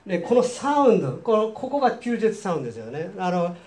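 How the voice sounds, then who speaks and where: His darkish voice sits high with big pitch swings and a slightly fast pace as this Japanese-accented man from Japan preaches in a Seattle church hall. He's chatty, questions his audience, and restates each point himself in a second language.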